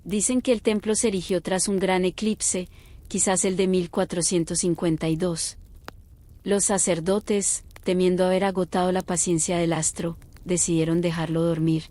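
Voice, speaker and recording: A woman narrating a scripted bedtime story slowly, in a quiet, calm, unhurried night-time manner. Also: on the low side.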